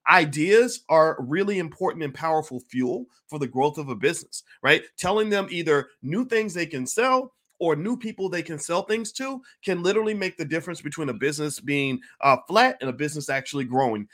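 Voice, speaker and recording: A man talking to camera as a host in an energetic, emphatic way, repeating key words and clearing his throat now and then. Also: on the high side, fairly quick, few pauses. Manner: clears throat and coughs between points. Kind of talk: casual talk to camera.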